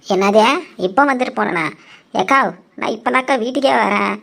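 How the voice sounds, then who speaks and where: A woman's voice: fairly high pitch, normal speed, creaky. Bossy cartoon village woman. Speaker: cartoon narrator and voice actor. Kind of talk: cartoon voice acting.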